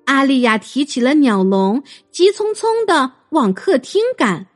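A woman narrating a children's story in a gentle, expressive way. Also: sits high, measured pace, faint music behind.

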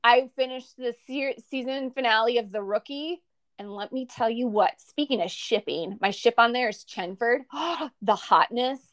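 A woman's voice: fairly high pitch, normal speed, a bit bright. A woman with a Minnesota accent chatting casually and emphatically as a podcast co-host, in a gushing fangirl manner. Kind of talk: casual chat.

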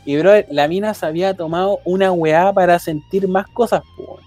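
A man's voice: high-pitched, normal speed, darkish tone, no echo, soft background music. A young man with a Chilean accent telling a rambling, slang-filled anecdote in casual chat. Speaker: storyteller.

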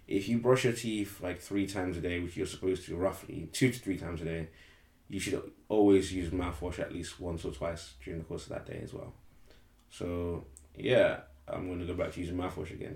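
A man's voice: deep voice, darkish tone, roomy sound. A young man, chatting casually as a podcast co-host, rambling and correcting himself, laughing easily. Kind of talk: casual chat.

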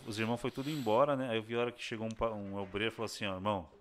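Homem falante, contando história em ritmo rápido. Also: male voice, on the low side, rapid-fire, slight background noise. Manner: animated, acts out voices of people in his story, slangy. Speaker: guest telling his conversion story. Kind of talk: casual storytelling chat.

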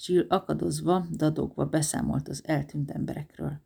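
A narrator reading a novel aloud in calm, even audiobook narration. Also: medium pitch, gravelly, slightly rough.

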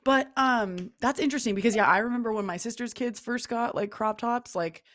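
A young woman co-hosting a podcast in casual chat, laid-back and quick to laugh. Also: on the high side, a bit bright. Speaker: podcast co-host.

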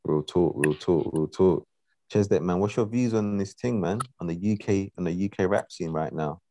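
A man's voice: deep voice, moderate pace, mellow, slight background noise. A man with a London accent hosting a casual podcast, speaking in upbeat street slang and repeating his phrases. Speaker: podcast host.

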